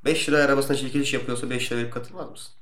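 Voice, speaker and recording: Brief: young male podcast host, teasing, steers talk, fast, roomy sound. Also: medium pitch, steady tone, a crowd in the background. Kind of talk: casual chat. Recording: roomy echo.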